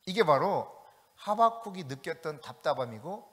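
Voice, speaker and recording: Male pastor, animated preaching, high and expressive, reverberant sanctuary sound. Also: moderate pace. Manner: animated preaching, asks the congregation questions, reads scripture aloud. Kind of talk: sermon. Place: church sanctuary. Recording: long church hall reverb.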